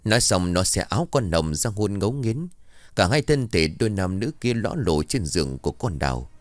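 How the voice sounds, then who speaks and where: Một người đàn ông kể truyện ma kinh dị một cách kịch tính, sinh động. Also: male voice, sits low, lively intonation, moderate pace, no room sound. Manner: dramatic, vivid narration. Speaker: storyteller. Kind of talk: horror story narration.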